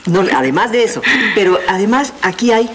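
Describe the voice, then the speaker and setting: An older woman hosting a TV interview, chatty and lively, quick to jump in. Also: mid-range voice, low-quality recording. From Colombia. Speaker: TV host.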